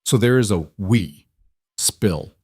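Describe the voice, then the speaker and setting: A man's voice: lowish voice, expressive, takes it slowly, a little mellow, no echo, clean studio sound. A man voicing an easygoing male construction co-worker who talks bluntly and jokes around. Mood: teasing. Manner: blunt, joking.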